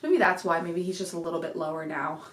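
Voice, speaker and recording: A woman's voice: on the low side, steady tone, quick pace, reverberant, slight background noise. A young woman chatting casually to camera in a rambling home vlog, a little out of breath, with lots of fillers. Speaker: vlogger. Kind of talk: casual pregnancy update vlog. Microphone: desk microphone.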